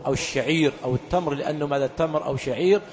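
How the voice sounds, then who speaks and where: A man's voice: a little high, very fast. A man teaching a jurisprudence lesson in a mosque, prompting listeners to finish his sentences and repeating key words. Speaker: sheikh teaching a mosque course.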